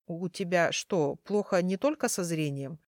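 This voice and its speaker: A woman voicing a tiny, grumpy male magical guardian spirit with a creaky voice and a sarcastic, condescending manner. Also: medium pitch, moderate pace, no room sound, clean studio sound, natural voice.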